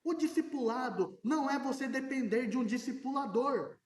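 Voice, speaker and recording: Delivering his sermon at a moderate pace, a pastor with an unusually high male voice speaks with animated energy and occasional near-shouts. He is far from the mic, and the church hall rings with echo.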